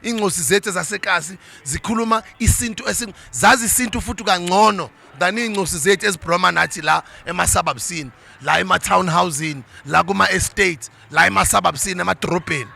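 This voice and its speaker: A man's voice: high voice, fast talker, gravelly, few pauses, sharp tone. A middle-aged South African man giving a passionate, preachy motivational talk to parents. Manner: passionate, preachy, switches into isiZulu. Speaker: motivational speaker. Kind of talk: motivational monologue.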